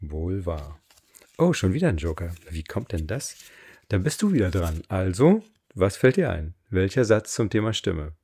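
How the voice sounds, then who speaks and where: A man acting as a voice coach, calmly reading affirmation sentences aloud and pausing between them as a guided exercise. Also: low voice, breathy edge. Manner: slow, calm, reads affirmations aloud with pauses.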